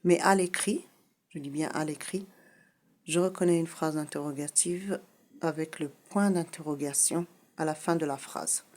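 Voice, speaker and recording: A woman teaching a French grammar lesson, explaining patiently and repeating her key points, often pausing on "voilà". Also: low-pitched, darkish tone.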